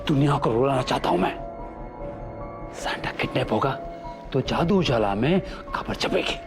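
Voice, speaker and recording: An actor voicing a hot-tempered, scheming villain uncle in a cartoon, shouting insults and gloating. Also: male voice, medium pitch, expressive, normal speed, vocal fry. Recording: cartoon soundtrack with music.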